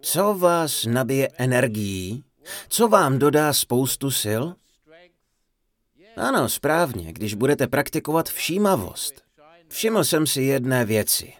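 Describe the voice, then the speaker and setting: A man giving a humorous dharma talk, telling a funny story in an animated, playful way. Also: medium pitch. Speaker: Czech voice-over of a Buddhist teacher's talk.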